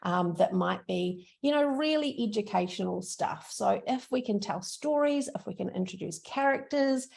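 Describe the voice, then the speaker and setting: A middle-aged woman with a broad New Zealand accent gives an informal online training talk in a chatty, encouraging, creaky voice. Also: medium pitch, expressive, moderate pace, hardly any pauses, a little mellow. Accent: broad New Zealand (Kiwi). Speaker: social media trainer.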